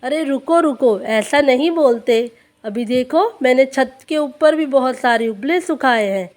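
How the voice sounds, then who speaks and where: Woman voicing a cheerful village girl doll, hardworking, high voice, slow explaining. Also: darkish tone. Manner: busy, reassuring.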